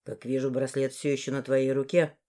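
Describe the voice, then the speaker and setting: A woman voicing a gruff, curt male boss. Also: level tone, a little fast, dark tone. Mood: bitter. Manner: curt, growling, lowered voice. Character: gruff blond male boss, head of secret police.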